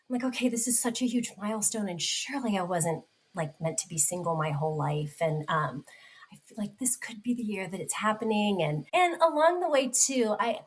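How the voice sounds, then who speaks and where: A woman's voice: mid-range voice, rough recording. Heartfelt woman in her forties. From United States. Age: 40s. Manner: heartfelt, many likes and restarts. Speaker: guest. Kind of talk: personal story in a podcast interview.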